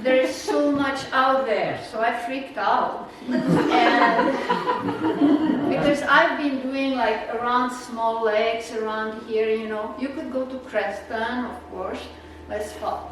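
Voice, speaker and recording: Her voice fairly high and her intonation fairly even, a woman with a Czech accent from the Czech Republic speaks slowly while giving a chatty slide talk to a naturalist club, rambling with fillers and laughter. Captured from a distance in an echoey meeting room, the audio is noisy.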